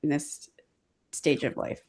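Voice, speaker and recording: A woman's voice: normal speed, darkish tone. A middle-aged woman hosting a casual conversation, chatty and laughing easily, sometimes trailing off mid-sentence. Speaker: host.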